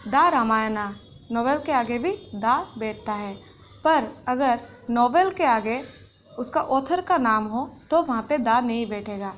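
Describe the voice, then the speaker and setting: High-voiced woman teaching grammar. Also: muffled recording, a little hiss or hum. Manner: explains patiently, reads English examples slowly. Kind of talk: explaining a grammar lesson.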